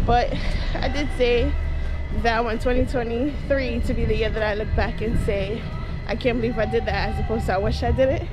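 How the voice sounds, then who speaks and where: High-voiced woman vlogging casually outdoors. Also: rough recording. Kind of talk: casual vlog chat to camera. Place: outdoors on a busy seaside street. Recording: loud music and crowd noise outdoors.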